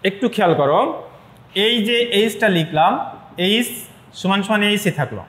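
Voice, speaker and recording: A man's voice: high-pitched, animated, moderate pace, a bit bright, echoey room. A man with a Bangladeshi accent, an English teacher giving an online class lecture, explaining step by step and repeating points for students.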